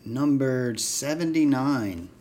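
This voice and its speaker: A man with a medium-pitched, slightly mellow voice and lively intonation speaks slowly over faint background noise. He's casually chatting through a live trading card box break at an indoor table set up for card streaming, reading out each card as he opens the packs.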